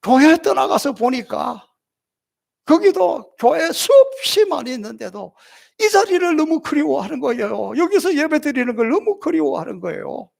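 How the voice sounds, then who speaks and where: Gravelly, high-pitched preaching pastor. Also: male voice, very animated, normal speed. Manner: impassioned, swings from loud cries to soft murmurs; acts out God's reassuring words gently. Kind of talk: sermon.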